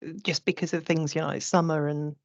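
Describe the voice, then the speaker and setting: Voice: medium pitch, level tone, quick pace, no room sound, highs cut off. A participant on an online meeting call, giving opinions hesitantly. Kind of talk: casual online meeting discussion. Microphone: video call.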